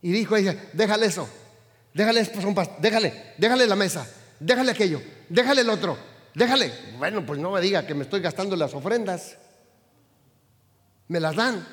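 Older man preaching in an echoing hall. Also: brisk. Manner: animated preaching, shifting from loud calls to low asides. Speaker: pastor. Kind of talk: sermon. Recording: long hall reverb.

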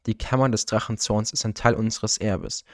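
A man's voice: on the low side, steady tone, moderate pace, no room sound, studio quality, close to an everyday voice. A man voicing a proud, nervous guardian. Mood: earnest, uneasy. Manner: firm yet uneasy, respectful speech. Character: proud but nervous male guardian of his people.

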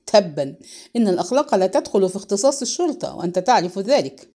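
A woman voicing a rude, cocky young man who talks in a loud, mocking, insolent way, in a storybook reading. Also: medium pitch, sing-song, quick pace.

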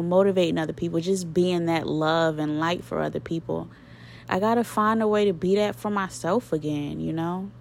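A woman in her twenties hosting a solo podcast, venting candidly and emotionally in casual slang and often repeating her phrases. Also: lowish voice. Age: 20s. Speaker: podcast host.

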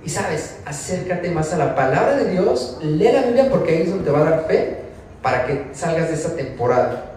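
A Mexican man with a high voice gives a casual sermon, talking to the people in front of him and asking them questions. He is heard from a distance in a very echoey church hall, with faint room noise behind him. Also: very animated, moderate pace, a little mellow. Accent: Mexican Spanish. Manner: conversational, asks the congregation questions. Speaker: preacher. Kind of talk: informal sermon.

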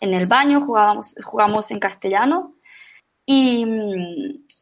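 Here a middle-aged woman from Menorca, guesting on a podcast, talks at a slightly slow pace in a medium pitch. The conversation is casual and chatty, with plenty of fillers and frequent restarts.

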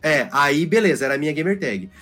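A man with a strong rural Brazilian R, telling a story as a podcast guest in a chatty, animated way and acting out the quoted lines. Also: fairly high pitch, quick pace, over music. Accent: Brazilian countryside, strong rolled R. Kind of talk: casual chat.

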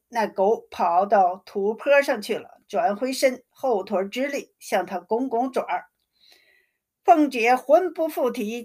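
A woman narrates a classic novel in a steady, measured storybook manner. Her voice sits fairly high, and she keeps an even reading pace throughout.

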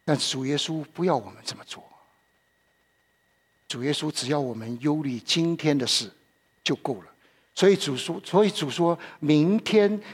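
A man's voice: on the high side, lively intonation, moderate pace, pauses often, breathy edge. A man preaching a sermon in a conversational way, often repeating himself and putting questions to his listeners.

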